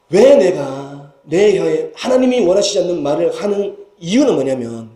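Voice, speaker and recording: A man's voice: sits high, warm tone. A man preaching a Sunday sermon as senior pastor, emphatic and full of rhetorical questions to the congregation. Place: church sanctuary. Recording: echoey church hall.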